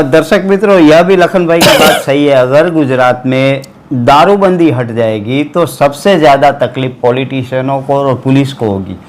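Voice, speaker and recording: A man hosting a web news interview, agreeing with his guest and turning to address the viewers. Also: medium pitch. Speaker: interview host.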